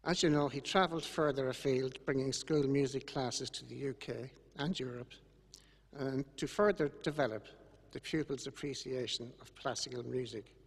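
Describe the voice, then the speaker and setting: In a large church, an older man with an Irish accent delivers a eulogy for his late brother over a microphone to the congregation and a webcam. His mid-range voice is solemn and measured, full of grieving gratitude, and the recording echoes with long reverb.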